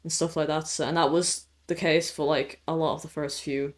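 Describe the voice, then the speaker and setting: A man co-hosting a podcast in relaxed, casual chat, laughing often and using lots of fillers. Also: a little high, fairly quick. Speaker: podcast co-host.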